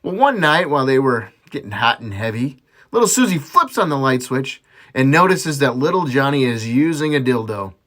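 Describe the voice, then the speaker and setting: A man telling jokes casually, jumping into higher voices for the characters. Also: moderate pace. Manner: animated, voices characters with jumps in pitch. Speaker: joke teller.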